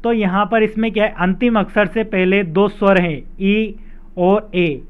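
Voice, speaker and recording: A man with a high, smooth, steady-toned voice teaches English spelling step by step. He explains the rules slowly and repeats them with examples, and the recording has a dull lo-fi quality.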